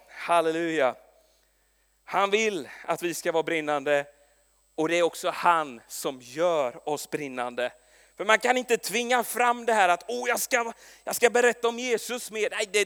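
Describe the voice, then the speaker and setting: A man preaching a sermon with a notably high voice, telling stories in a lively way and often restarting his sentences. His words ring with the long reverb of a large hall. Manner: lively storytelling with frequent restarts and stumbles.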